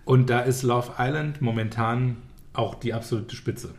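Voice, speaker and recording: A man's voice: mid-range voice, fairly even intonation, unhurried, slight background noise. A man in his forties in casual chat, telling stories with ironic exaggeration. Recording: roomy echo.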